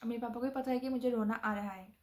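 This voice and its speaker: This young Assamese woman talks fast in a steady, higher-pitched voice while casually narrating a personal story. Fillers and restarts come frequently, and she drops in bits of English.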